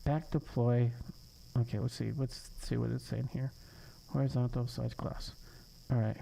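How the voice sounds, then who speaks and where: A man's voice: medium pitch, steady tone, measured pace, vocal fry, warm tone, slight background noise, low-quality recording. A man hosting a live coding stream, thinking aloud as he works, frustrated and cursing under his breath. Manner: frustrated, swearing, muttering to himself. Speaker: coding livestream host.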